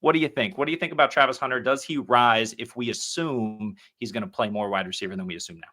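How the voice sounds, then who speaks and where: A man's voice: medium pitch, fast, bright, forceful tone. A man hosting a casual fantasy football podcast in an easygoing way, steering the talk with questions. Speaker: podcast host.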